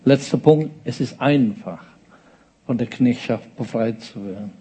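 Male preacher, sermon, slow, mellow, husky, chatty check-ins. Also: mid-range voice. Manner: conversational, often checks in with "ja?" and "ne?".

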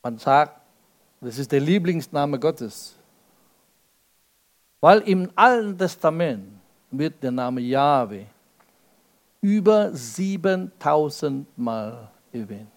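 A male preacher giving a sermon, explaining step by step with rhetorical questions and swinging between loud emphasis and soft, low asides. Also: animated, slow, long pauses.

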